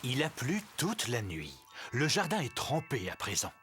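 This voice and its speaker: Casting: children's cartoon narrator, simple storytelling phrases, lively intonation, music behind. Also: male voice, mid-range voice, measured pace, full character voice. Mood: gentle storytelling.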